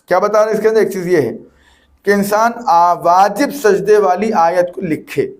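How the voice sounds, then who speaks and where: A man, a cleric, giving a religious lesson in Urdu, explaining rules with everyday examples and repeating himself for clarity. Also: sits high. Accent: Urdu with Hyderabadi touch. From Hyderabad, Pakistan. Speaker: Shia cleric teaching religious rulings.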